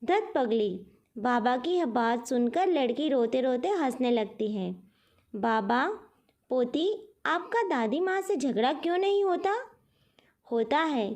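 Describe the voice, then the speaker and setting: A woman narrating a story in a measured, expressive storytelling manner. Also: high-pitched.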